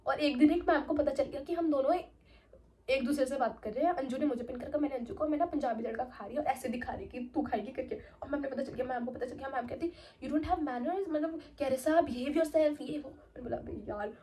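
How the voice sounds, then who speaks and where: A young woman chatting casually as a vlogger, telling an animated storytime tale. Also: sits high, fast, slight background noise. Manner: animated, slips into quoted voices.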